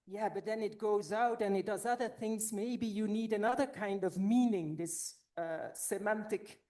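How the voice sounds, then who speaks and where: A woman's voice: medium pitch, mellow. Slightly breathless woman giving an academic talk. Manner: explanatory, thinking aloud. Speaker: conference presenter.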